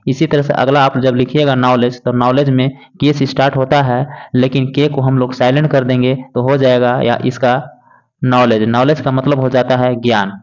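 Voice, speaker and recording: A man teaching a lesson, slowly and patiently spelling out words letter by letter. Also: mid-range voice, little pitch movement, darkish tone. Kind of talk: classroom lesson explaining English words in Hindi. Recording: dull lo-fi recording.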